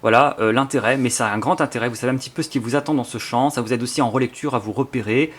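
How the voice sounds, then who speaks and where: Talking very fast in a mid-range, somewhat bright voice, a French-accented YouTuber unboxes a book from his collection and leafs through it. His spontaneous chat is casual and enthusiastic, rambling with many fillers and restarts.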